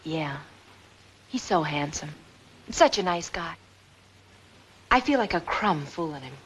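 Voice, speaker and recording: A woman's voice: sits low, animated, unhurried, a bit bright, breathy edge, heavily acted, poor audio. An actress playing a brash, street-smart young woman who talks in slang. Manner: slangy, brassy.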